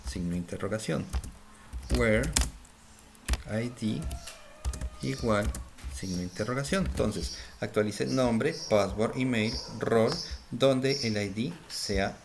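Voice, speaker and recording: A man's voice: on the low side, gravelly. A man giving a screen-recorded coding lesson, thinking aloud as he types and often checking in with his viewers. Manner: thinks aloud while typing, frequent "¿cierto?" check-ins. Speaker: programming instructor. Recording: home recording with audible noise. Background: keyboard typing and clicks.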